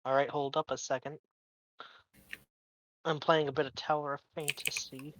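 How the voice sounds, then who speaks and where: A young man with a fairly high, level-toned voice is a player in a tabletop game over voice chat. He banters, gets pushy, and is quick to argue with the game master. His online voice chat mic picks up a noisy background.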